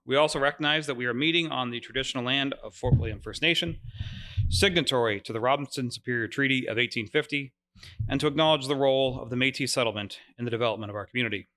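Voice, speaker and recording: The director of a museum society opens a public lecture in a lecture room, running through housekeeping notes in a friendly, informal style full of filler words. His mid-range voice is fast and pushed and bright. The poor audio was captured from a mic over the room speakers.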